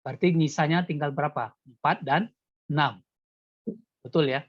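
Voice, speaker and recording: A man's voice: a little high, moderate pace, slightly rough, dry recording, dull audio. A man teaching Quran recitation rules one-on-one in an online lesson, patiently quizzing his student with repeated questions. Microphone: video call.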